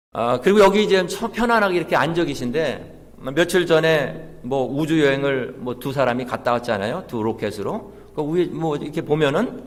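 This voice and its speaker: A male pastor of middling pitch delivers a sermon in a church sanctuary. He tells stories and builds to emphatic peaks. A long hall reverb rings after his words. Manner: storytelling, emphatic build-ups.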